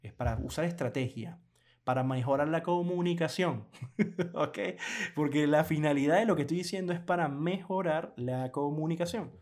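A man co-hosting a casual podcast chat, animated and laughing often, acting out quoted clients in lively bursts. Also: on the high side, normal speed. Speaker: podcast co-host.

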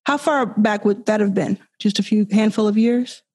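A woman hosting a podcast, talking excitedly and a little out of breath, often restarting her sentences before she interviews a guest. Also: mid-range voice, normal speed, husky. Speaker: podcast host. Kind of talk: casual podcast intro and interview.

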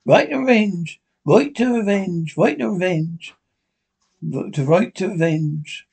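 A man's voice: high-pitched, expressive, takes it slowly, vocal fry, darkish tone, breathy edge, full character voice. A man acting a vengeful, crazed young woman in a horror radio play, speaking obsessively and repeating herself. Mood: crazed, exultant.

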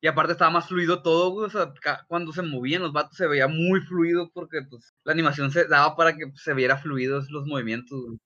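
A young man, chatting casually on a podcast, slangy and swearing freely. His voice is bright and slightly high. The recording sounds dull and lo-fi. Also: fast talker. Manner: slangy, swearing, animated asides. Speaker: podcast co-host. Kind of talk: casual chat.

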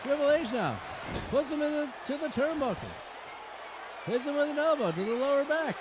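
A man doing an excited wrestling commentator, calling moves play-by-play in a punchy, emphatic, often shouting delivery. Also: very high voice, moderate pace. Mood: punchy, focused. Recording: very noisy, loud crowd behind. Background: loud crowd noise.

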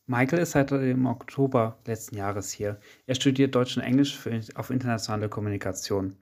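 A man's voice: mid-range voice, brisk, a little mellow. A young man narrating a student radio feature, reading a script and putting interview questions.

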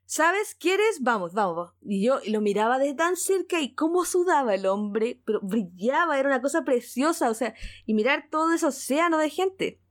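Una mujer con acento chileno que narra una anécdota personal en tono de charla casual, emocionada, repitiendo palabras. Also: female voice, high voice, normal speed. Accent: Chilean Spanish. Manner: excited, repeats words, laughs often. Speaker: guest. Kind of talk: casual storytelling.

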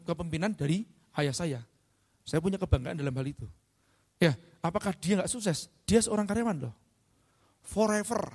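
High-voiced man speaking in a hall. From Indonesia. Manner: lively, asks the audience questions. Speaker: speaker at an event. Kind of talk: motivational talk to a live audience. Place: large hall. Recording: long hall reverb.

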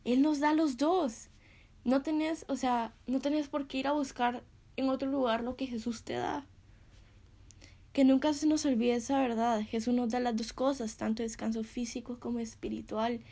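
A woman's voice: on the high side, steady tone, normal speed, vocal fry, warm tone. A young woman sharing a casual devotional talk, chatty and full of fillers, often laughing between phrases.

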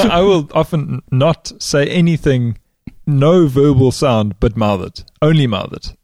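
A man's voice: medium pitch, measured pace, darkish tone, no room sound, clean studio sound. A man co-hosting a comedy podcast, scoffing emphatically and arguing his point. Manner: emphatic, incredulous. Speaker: podcast co-host. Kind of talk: casual comedic banter.

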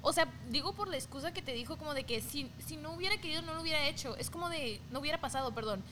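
A woman's voice: high voice, lively intonation, quick pace. A woman with a Mexican accent hosting a podcast, teasing and blunt in casual chat. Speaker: podcast host. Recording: background noise.

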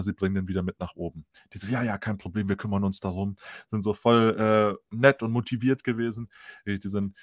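A man's voice: on the low side, dry recording, studio quality. A man telling an anecdote in casual podcast chat. He talks animatedly, laughs often and acts out the people he quotes. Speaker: podcast host.

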